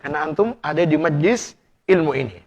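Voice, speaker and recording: A male preacher giving a lively, playful premarital class sermon, addressing the audience directly and testing them with questions. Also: on the high side, fairly quick, creaky. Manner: animated, playful, acts out couple dialogue in hushed voices.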